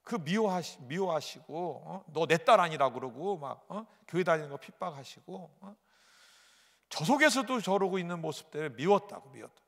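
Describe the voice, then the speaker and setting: A male pastor preaching a sermon, telling a personal story dramatically with sudden loud outbursts and repetition. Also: a little high, animated, normal speed, vocal fry. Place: large church sanctuary. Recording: echoey church hall.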